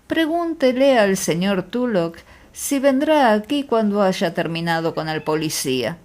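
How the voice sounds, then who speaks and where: Una mujer que lee en audiolibro a un detective ciego, caballero sereno y de trato amable y algo burlón. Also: female voice, medium pitch, animated, measured pace, a little mellow, lightly acted. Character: blind gentleman detective, calm and dry.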